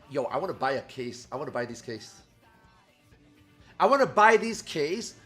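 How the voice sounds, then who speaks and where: Streaming live, a man chats casually, swears freely, and reacts loudly to his viewers, mentioning that he's losing his voice. His voice is a little high with a breathy edge.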